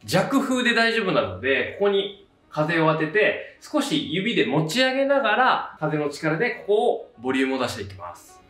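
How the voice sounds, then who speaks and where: A hairdresser and channel host in his thirties talks at normal speed in a slightly high, fairly bright voice that swings widely in pitch. He guides viewers through a tutorial step by step, casual and polite, in a roomy space with a distant mic and faint music.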